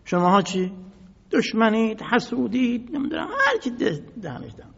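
Husky gravelly preacher guy, swings from loud bits to whispers, echoey hall, dull lo-fi sound. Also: high voice, wildly swooping pitch. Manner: switches between slow chanted Arabic quotes and quick colloquial explanation; dramatic, swinging from loud outbursts to hushed whispers. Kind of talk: sermon retelling religious history.

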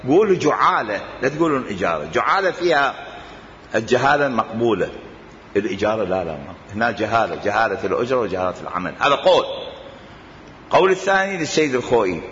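A man's voice: mid-range voice, fast talker, slight background noise. A man with an Iraqi Arabic accent teaching a jurisprudence lesson, arguing his points and firing rhetorical questions. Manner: animated, argumentative, fires rhetorical questions. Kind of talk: religious jurisprudence lecture. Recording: echoey hall, dull lo-fi sound.

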